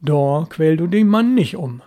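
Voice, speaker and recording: A man voicing a gruff, threatening river fisherman who has a Low German accent. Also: animated, unhurried, dark tone.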